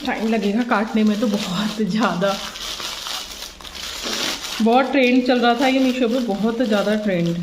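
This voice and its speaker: A woman's voice: fairly high pitch, normal speed, pauses often. A woman vlogger chatting casually to her viewers while unboxing something at home. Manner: chatty, addresses viewers directly. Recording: echoey room with background noise.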